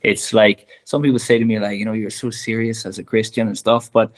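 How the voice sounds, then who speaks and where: In a casual conversational podcast interview, a man from Northern Ireland who works as a golf director talks fairly quickly in a level tone and a fairly low voice. With a Northern Irish accent, he sounds earnest and heartfelt and keeps repeating "very much like".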